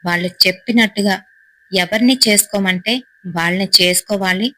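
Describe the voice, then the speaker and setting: A woman's voice: medium pitch, normal speed, no echo, poor audio. Woman telling a horror story. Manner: steady suspenseful storytelling, short phrases.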